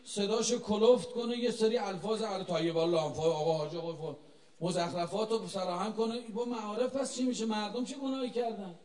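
A man preaching a sermon to a live congregation, swinging between loud chanted lines and hushed, pleading talk. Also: high voice. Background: crowd of mourners.

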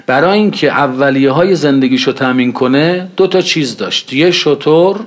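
A man preaching in a conversational way, telling anecdotes and acting out the dialogue in them. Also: mid-range voice. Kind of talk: storytelling religious talk.

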